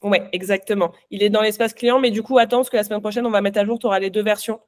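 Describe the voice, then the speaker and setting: A woman's voice: medium pitch, steady tone, fast. A woman coaching pastry exam students in a live online Q&A, chatty and reassuring.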